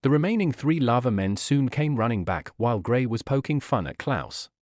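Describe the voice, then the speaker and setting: A man reading a fantasy light novel aloud as audiobook narrator, in a steady storytelling manner. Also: medium pitch, moderate pace, no room sound, clean studio sound. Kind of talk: scripted narration.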